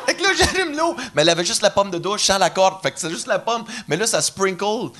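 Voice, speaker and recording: A man with a Quebec French accent telling a story in a casual chat, animated and laughing, swearing often. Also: sits high, fast. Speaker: podcast guest.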